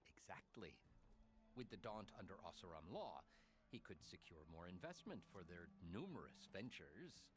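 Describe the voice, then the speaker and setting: An exasperated official, earnest and fed up. His voice is fairly low, with lively swings in pitch. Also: normal speed. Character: harried male official.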